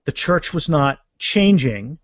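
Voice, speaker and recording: Here the middle-aged author guest talks slowly in a slightly high voice, and the recording has no room sound. He is casual and animated in the interview. He repeats phrases frequently as he goes.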